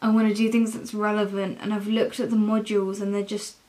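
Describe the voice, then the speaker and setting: A young adult woman with an English accent, talking casually and candidly in a halting, confessional vlog style. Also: medium pitch, level tone, warm tone. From England. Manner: slow, halting, candid, with frequent swearing. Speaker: university student vlogger.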